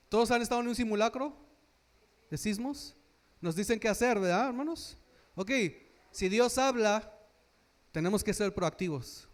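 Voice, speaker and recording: A man from Mexico preaching a sermon as pastor. He questions the congregation, repeats key phrases for emphasis, builds to loud emphatic passages and drops his voice low at the ends of phrases.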